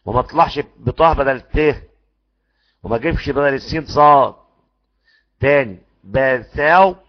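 A man's voice: mid-range voice, moderate pace. A man with an Egyptian Arabic accent teaching Quran recitation rules in a lecture, drilling the sounds aloud and asking his students questions. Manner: animated, demonstrates sounds repeatedly, asks the class questions. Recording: muffled lo-fi recording.

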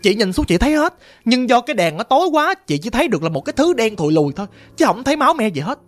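A woman's voice: on the high side, sing-song, rapid-fire. A woman with a Southern Vietnamese accent telling a ghost story about herself in a vivid, emphatic, repetitive manner.

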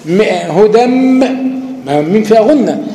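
A man's voice: high-pitched, lively intonation, unhurried, warm tone. A man with an Egyptian accent, giving a colloquial lecture on Quran recitation that uses everyday examples and demonstrated sounds. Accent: Egyptian Arabic. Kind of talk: recorded lecture on tajweed. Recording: echoey hall with faint background hum.

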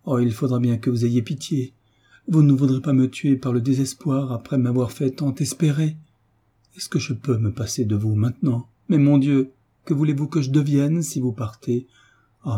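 A man's voice: mid-range voice, warm tone, slightly rough. A man reading aloud, voicing a young mother who begs desperately in an imploring, supplicating way.

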